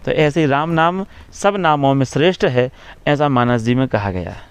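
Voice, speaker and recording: A man, a religious preacher, explaining devotion in an interview in a measured way, slowing down to recite verses and repeating key phrases. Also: mid-range voice, smooth, dry recording. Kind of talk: devotional explanation in a press talk.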